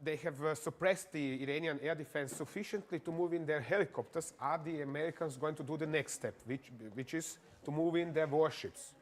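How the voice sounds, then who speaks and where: Methodical male analyst, slightly high voice. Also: a little hiss or hum. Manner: methodical, deliberate, pointing things out step by step. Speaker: military analyst guest. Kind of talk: expert briefing on a news show.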